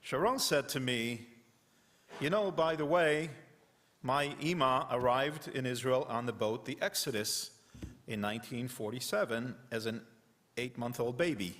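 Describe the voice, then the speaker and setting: A cantor tells a story to a ceremony audience at a steady, measured pace. His voice trails off into the long reverb of a large sanctuary. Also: medium pitch.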